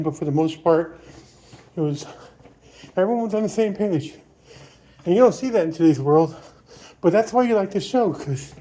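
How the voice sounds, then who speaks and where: High-pitched man vlogging while running, mellow tone. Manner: talking while out on a run. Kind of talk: casual rambling opinion vlog.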